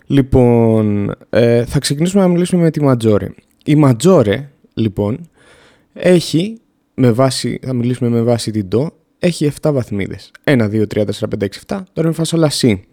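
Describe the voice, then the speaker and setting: A man's voice: medium pitch, lively intonation, warm tone. A man teaching music theory in a casual podcast lesson, explaining in a plain, down-to-earth way and counting off notes and steps.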